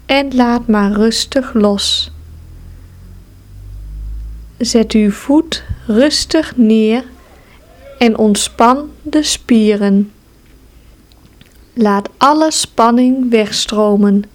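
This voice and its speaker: Woman, relaxation guide; very slow, calm, soothing delivery, slightly high voice. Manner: slow, calm, soothing instructions with long pauses. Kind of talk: guided progressive muscle relaxation.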